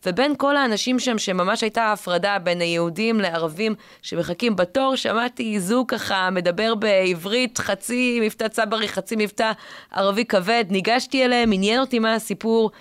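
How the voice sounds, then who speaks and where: A woman's voice: mid-range voice, smooth, no echo, clean studio sound. A woman with an Israeli accent hosting a current-affairs discussion and telling stories conversationally, with hesitant phrasing as she thinks aloud. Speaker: podcast host and journalist.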